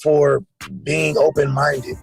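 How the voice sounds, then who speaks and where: A gravelly, fairly high-voiced man speaks in a loose, slangy, emphatic way, debating on a casual panel. His voice sounds muffled, as if heard through a wall, and comes in distant over a phone microphone on a remote call. Faint music plays behind him. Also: level tone, slow pace.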